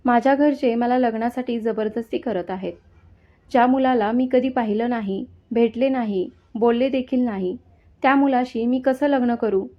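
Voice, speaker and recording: A woman's voice: a little high, normal speed, lightly acted. Woman reading a young runaway woman, dull lo-fi. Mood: earnest. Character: young woman, runaway office worker, impatient then friendly. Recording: dull lo-fi sound.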